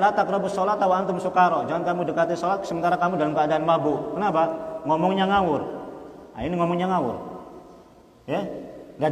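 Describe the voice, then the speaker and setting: A man giving a sermon, asking the audience questions and answering them himself, and reciting Arabic verses slowly. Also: sits high. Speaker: preacher. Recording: echoey hall with long reverb.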